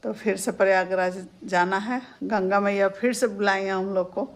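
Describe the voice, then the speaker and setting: A woman, talking to her viewers in a casual vlog and giving earnest advice in a steady, homely way. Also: medium pitch, normal speed. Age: 50s. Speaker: family vlogger, mother-in-law.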